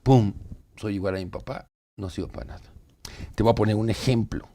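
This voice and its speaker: Low, gravelly-voiced man telling stories. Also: steady tone, fast talker, mellow. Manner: storytelling, acts out quoted dialogue, asks rhetorical "¿no?". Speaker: psychologist guest. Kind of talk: conversational explanation with anecdotes.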